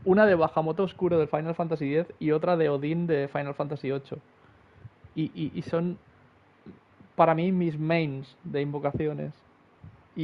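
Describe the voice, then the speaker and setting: A young man from Spain with a Spanish accent, doing excitable live game commentary, swearing often and repeating words in bursts. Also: on the high side, muffled recording. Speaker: game streamer.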